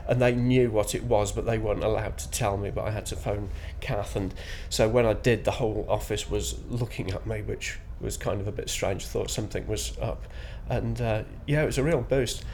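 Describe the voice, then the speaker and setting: A fifty-year-old man with a Shetland accent, giving spontaneous interview answers in a hesitant, halting way with frequent pauses. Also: on the low side, darkish tone. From Shetland, Scotland. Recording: clear background ambient noise.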